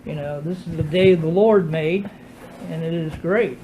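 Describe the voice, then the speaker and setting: Toothless older man, mellow voice. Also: on the high side, a little slow, slight background noise, poor audio. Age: older, retired. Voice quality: toothless, slightly slurred speech without his dentures in. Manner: folksy, devout, rambling. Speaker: motorcyclist video blogger. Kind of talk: casual morning vlog. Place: at home while getting dressed.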